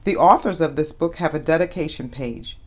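A low-pitched, brisk woman's voice narrates a picture book at a children's read-aloud. She performs the tale expressively for young listeners, giving its questions and exclamations an animated, dramatic punch.

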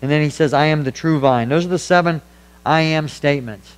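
A man's voice: a little high, brisk, clean tone, low-quality recording. A man preaching a sermon as pastor, earnest and emphatic, hammering points home through repetition. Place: church.

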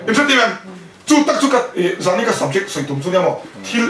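A man preaches a sermon at a home fellowship, speaking fast in a high-pitched, very animated voice while mixing in English words. He keeps questioning his listeners, and the recording picks him up from a distance in an echoey room, with crowd noise present.

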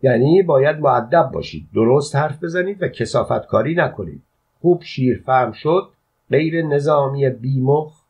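A man reading an audiobook voices a calm soldier servant who scolds with unruffled, formal politeness. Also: medium pitch, slightly rough. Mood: scolding calmly. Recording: dull lo-fi audio.

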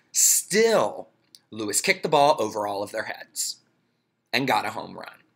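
A man reading a children's storybook aloud in a playful, expressive way. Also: medium pitch. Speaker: reader.

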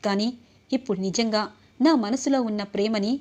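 A woman's voice: mid-range voice, moderate pace, darkish tone, natural voice. A woman reading the lines of an earnest, remorseful young husband in a retold serial scene.

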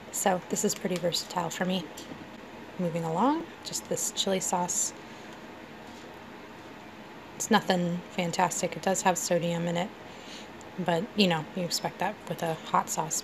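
Woman, 30s, casual vlogger, low gravelly voice, noisy kitchen recording. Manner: chatty, many ums, laughs easily. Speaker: food vlogger. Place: home kitchen, indoors.

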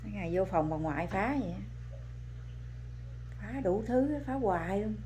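A woman chatting at home with her toddler as a mother, coaxing and praising in a patient, gentle way. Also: medium pitch, expressive, normal speed, noisy background. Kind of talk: casual family chat to a small child. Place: home, indoors.

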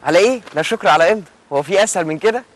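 An actor playing a breezy, joking Egyptian hotel guest signing in at the desk. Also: male voice, high voice, lively intonation, very fast. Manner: jaunty, joking. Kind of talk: TV drama acting.

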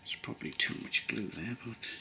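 A middle-aged English man giving a relaxed modelling tutorial at his workbench, thinking aloud with many pauses and ums. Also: in a whisper. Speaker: model railway builder. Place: workbench at home.

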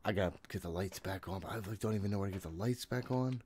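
Speaking fast in a voice on the low side, a man in his thirties streams a horror game from a small room in his home. His casual commentary is jittery, exasperated self-talk with frequent swearing. The recording, made on a desk microphone while he wears a headset, is very noisy.

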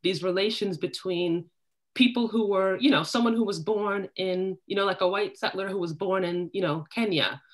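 A woman's voice: medium pitch, normal speed. Woman panelist who keeps asking "right?". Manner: thoughtful, tags points with "right?". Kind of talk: academic panel discussion. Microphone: laptop video call.

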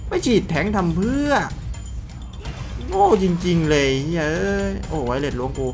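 A man calling his own mobile game match, swearing, teasing, and yelling at his teammates. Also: fairly high pitch, very animated, measured pace, soft background music. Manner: loud, crude, joking, shouts at teammates. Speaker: gaming streamer. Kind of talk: excited live game commentary.

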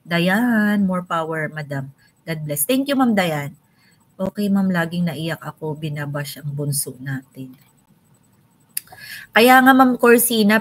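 A young woman hosting a casual live stream, chatting and greeting viewers by name. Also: lowish voice.

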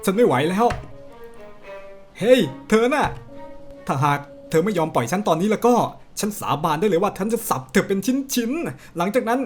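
A man's voice: high-pitched, animated, normal speed, soft background music, pitched above the performer's own voice. A man voicing a kidnapped young man who is tied up, panicky and indignant, yelping his protests.

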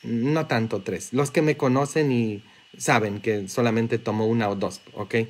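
A man with a Mexican Spanish accent, preaching a sermon as a priest in a joking, conversational way with quick asides. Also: medium pitch, steady tone.

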